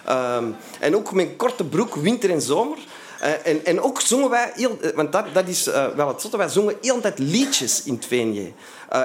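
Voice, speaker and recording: Flemish male storyteller, animated and expressive, bit higher-pitched, lots of "eh" and restarts. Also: slight background noise. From Flanders, Belgium. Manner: animated, lively telling with many fillers and restarts. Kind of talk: personal storytelling monologue.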